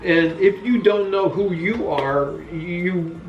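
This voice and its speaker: A man in his late sixties with a voice pitched a bit high, talking earnestly and haltingly as he restarts his thoughts. He sounds set back from the mic in an echoey room. The sound is dull, with a faint hiss behind him. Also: recorded from a distance. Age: 60s. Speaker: father answering questions. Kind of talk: casual sit-down Q&A.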